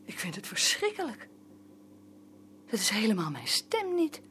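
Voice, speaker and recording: An actress playing an insistent wife in a film drama, nagging and demanding. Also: female voice, medium pitch, huge pitch swings, a little slow, fairly bright tone, slight background noise.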